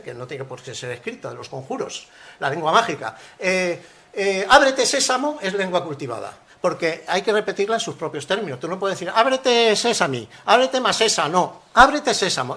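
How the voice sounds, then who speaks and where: An older man giving a university conference lecture, animated and rhetorical, often acting out the phrases he quotes. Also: fairly high pitch. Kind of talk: academic conference talk.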